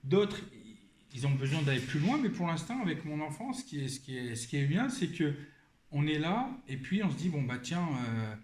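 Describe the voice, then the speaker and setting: Middle-aged dad on a webinar call, slightly high voice, stop-start telling, roomy echo. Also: male voice, big pitch swings, normal speed, a little mellow. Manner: hesitant, with many restarts and quoted dialogue. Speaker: parent speaking in a webinar. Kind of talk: informal testimony in a webinar. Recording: echoey room, faint background noise.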